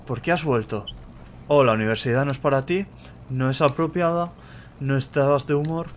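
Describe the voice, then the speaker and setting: A sharp-tongued young crocodile woman, read by a man in a mid-pitched voice close to his own. Her lines come out curt and cutting, full of scorn. It is a game read aloud. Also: moderate pace, a little hiss or hum, lightly acted. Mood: bitter.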